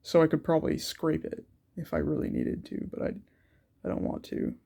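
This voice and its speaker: Sketching for his art channel, a young man with a cold talks casually through the drawing, sounding stuffed up and hesitant with frequent ums and false starts. His fairly high voice is warm and sing-song, touched with vocal fry, at a moderate pace.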